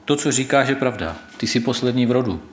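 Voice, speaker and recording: A man's voice: medium pitch, animated. A man preaching a sermon, retelling a scripture story and stressing God's words, with a few hesitations. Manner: thoughtful, with hesitations. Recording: echoey room.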